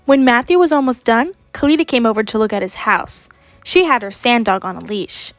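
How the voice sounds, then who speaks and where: This young storyteller, a high school senior in her late teens, reads a children's picture book briskly in a slightly high voice. She performs the characters with animation over soft background music.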